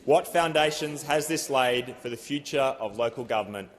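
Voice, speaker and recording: A man's voice: medium pitch, moderate pace, a crowd in the background. A man with an Australian accent reading out a formal question in parliament. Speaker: government backbencher. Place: large parliamentary chamber. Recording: reverberant chamber hall sound.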